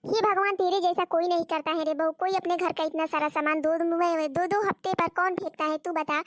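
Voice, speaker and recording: A woman's voice: very high voice, fairly even intonation, brisk, fairly bright tone, no room sound, clean studio sound. A woman voicing a nagging, exasperated old mother-in-law in a cartoon story, scolding and repeating herself. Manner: scolding, repeats words, calls on God. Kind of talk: Hindi cartoon story voice acting.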